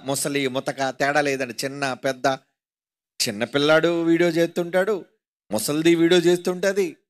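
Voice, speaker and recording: A man's voice: on the high side, a bit bright. A man with a Telugu accent preaching a sermon, mocking and rhetorical, constantly putting questions to his listeners. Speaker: pastor.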